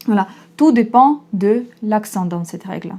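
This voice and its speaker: A woman's voice: medium pitch, lively intonation, mellow. A young woman from Russia, patiently teaching a language lesson and repeating each example. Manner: slow, patient explaining with repetitions.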